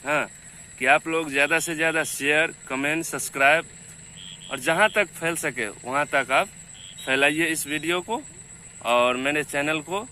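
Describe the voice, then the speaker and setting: A man's voice: on the high side, a little slow, bright, forceful tone, a little hiss or hum. A man hosting a channel, talking casually and earnestly to viewers at the end of the video. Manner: earnest, asking viewers to share. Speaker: channel host. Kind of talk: casual wrap-up talk.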